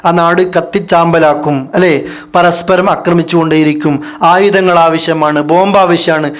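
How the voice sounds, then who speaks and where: A man's voice: fairly high pitch, steady tone, moderate pace, slight background noise. A man giving a religious lecture as a preacher, asking rhetorical questions and answering them himself. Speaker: Islamic preacher.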